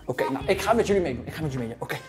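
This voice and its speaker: A man in his thirties leads a kids' exercise session in a gym, cheering and playfully counting down each set. His voice sits fairly high for a man and swings widely in pitch. He sounds a little winded from working out alongside them, with soft music behind him. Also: lively intonation, racing. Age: 30s. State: slightly out of breath from exercising. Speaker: fitness coach for kids. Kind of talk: energetic workout instruction.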